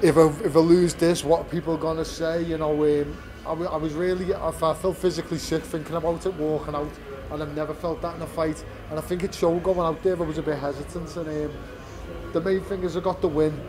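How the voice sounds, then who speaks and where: Crowd chatter fills the background as a young British fighter, in his twenties, gives a candid post-fight press interview in the media area. He talks a little fast, his voice on the high side with little pitch movement, rambling with frequent fillers and restarts.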